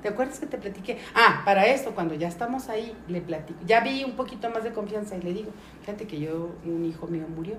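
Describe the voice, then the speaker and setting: A woman's voice: mid-range voice, fast talker, few pauses. Mexican woman telling a story in a roomy room. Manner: lively, acts out the voices of people in her story. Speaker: podcast guest. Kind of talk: casual storytelling. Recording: roomy recording with faint noise.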